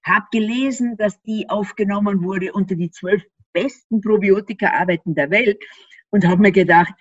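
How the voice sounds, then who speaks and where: Speaking at a normal speed in a medium, slightly rough voice, this interview guest from Austria explains things with lively energy, her Austrian German accent clear. She laughs a lot and asks rhetorical questions. The sound is dry and slightly dull.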